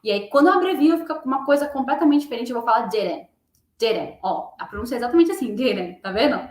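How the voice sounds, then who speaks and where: A woman teaching English pronunciation in a casual online lesson, chatting and slowly repeating example words. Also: high voice, animated, reverberant.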